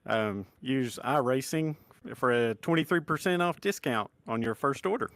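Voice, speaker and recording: A man's voice: medium pitch, animated, normal speed, fairly bright tone, no room sound. A man chatting casually as a racing driver in a pre-race interview.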